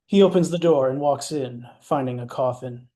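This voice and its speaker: Man with a dark, mellow narrating voice. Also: mid-range voice, moderate pace. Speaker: narrator reading stage directions. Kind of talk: scripted narration.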